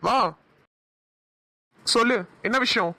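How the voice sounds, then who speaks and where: A man acting a caring, protective young man in a short family drama, giving firm advice and speaking gently to loved ones. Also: very high voice, slow, full character voice. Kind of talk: Tamil short-film dialogue acting.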